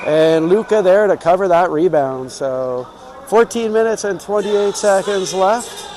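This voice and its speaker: A man's voice: sits high, expressive, a little slow. A man giving informal, home-team live play-by-play commentary on youth hockey. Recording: clear rink noise behind.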